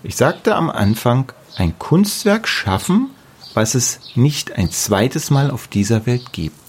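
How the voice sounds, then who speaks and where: A man's voice: medium pitch, animated, measured pace, slight background noise. A middle-aged man with a German accent, speaking casually and emphatically in an interview about the house he builds, often repeating words for stress. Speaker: artist building his house.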